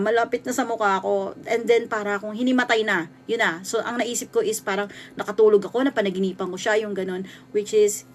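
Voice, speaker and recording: A woman in her thirties from the Philippines, telling a true horror story in a casual, halting way with many restarts. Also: medium pitch. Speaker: vlogger.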